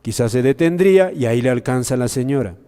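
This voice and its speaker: A man commenting on the Gospel in a sermon style, speaking slowly and reflectively with many pauses and fillers, and often addressing his listeners directly. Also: mid-range voice, animated, mellow, clear, resonant tone, in a large hall.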